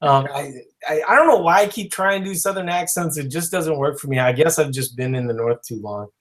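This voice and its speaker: A man's voice: on the high side, a little fast, rough recording. A man, a company founder, making a casual spoken announcement to his followers, rambling with many fillers and restarts. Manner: rambling, full of "you know" and restarts.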